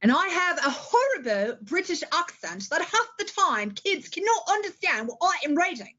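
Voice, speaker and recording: A woman teacher with an extremely high, sharp-toned, very animated voice gives reading-aloud tips at normal speed in an informal instructional talk. She's emphatic and theatrical, often checking in with the listener. The recording sounds muffled.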